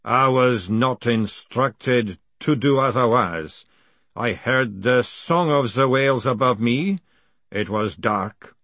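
A man voicing an ancient, solemn male clay golem messenger who speaks slowly and gravely. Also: medium pitch, no echo, heavily acted. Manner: slow, measured, flat and grave.

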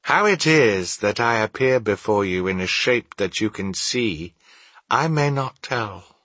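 A man voicing an anguished, remorseful male ghost in a theatrical storybook reading, wailing and solemn in a slow, declamatory way. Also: on the low side, expressive, a bit bright, dry recording, pitched above the performer's own voice. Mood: mournful, solemn.

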